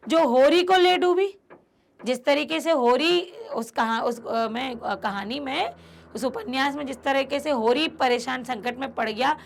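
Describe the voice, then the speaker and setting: A woman teacher talks through a prose passage for her students, reading each line and then retelling it in everyday words. Her voice sits high and carries a gravelly, fry-tinged texture. It is recorded as an online class video. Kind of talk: line-by-line lesson explaining a Hindi prose text.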